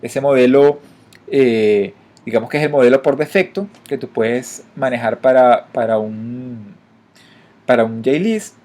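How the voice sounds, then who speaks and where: A man walking through his own code in a screen-recorded programming lesson, talking to viewers directly and pausing on fillers. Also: medium pitch, darkish tone. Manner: explanatory, frequent fillers and restarts, addresses viewers directly. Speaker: programming instructor. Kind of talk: screen-recorded coding tutorial.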